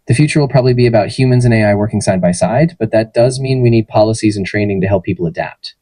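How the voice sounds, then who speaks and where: Fairly low-pitched and quick, this synthetic male AI assistant voice sounds slightly rough as it offers friendly, polished, even-toned conversational answers to interview questions. The recording is dry.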